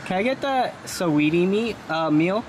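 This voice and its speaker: A man's voice: sits high, expressive, moderate pace, a little hiss or hum, low-quality recording. A man in a car at a drive-through, politely ordering a meal and repeating it when asked. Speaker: vlogger.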